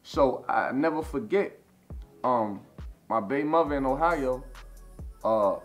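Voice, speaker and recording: Thirties guy just rambling thru his story, mid pitch, keeps saying you know what im saying, faint music in back. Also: lively intonation, measured pace. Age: 30s. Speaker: interview guest. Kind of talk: casual storytelling.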